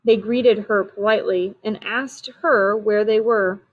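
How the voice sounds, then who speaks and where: A woman reads a storybook aloud at an even, steady pace, her voice sitting at a middle pitch. The sound is muffled and lo-fi, lacking crispness. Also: measured pace. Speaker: reader.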